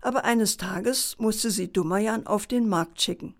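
A woman calmly reading a bedtime story aloud in a gentle, measured way. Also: mid-range voice.

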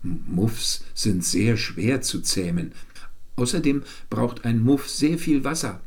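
A man's voice: medium pitch, expressive, slow, a little mellow. A man voicing a boastful, know-it-all older brother in a bedtime story reading. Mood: explaining.

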